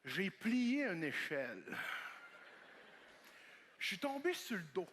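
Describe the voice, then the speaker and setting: A man with a Québécois French accent doing a stand-up comedy routine on a theatre stage, telling a story and acting out voices and shouts. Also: sits high, sing-song, slow pace, a little hiss or hum.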